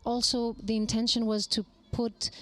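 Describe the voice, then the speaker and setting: A woman's voice: on the high side, flat delivery, moderate pace, a bit bright, dry recording. A woman in her thirties from Greece, speaking English with a Greek accent as a guest in an interview, thoughtful and searching for words. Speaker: singer guest. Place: small mobile studio at a festival.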